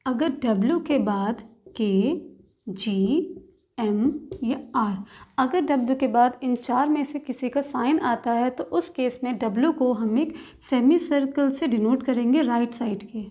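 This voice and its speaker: Female shorthand tutor with a high voice, patient, step-by-step delivery. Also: mellow. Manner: slow, patient, spells out sounds one by one. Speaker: shorthand teacher. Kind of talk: step-by-step instructional lesson.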